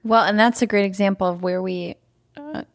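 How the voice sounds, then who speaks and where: A young woman telling a personal story in casual conversation, animated and laughing often. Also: mid-range voice, normal speed, no echo, clean studio sound. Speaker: podcast guest, host's wife.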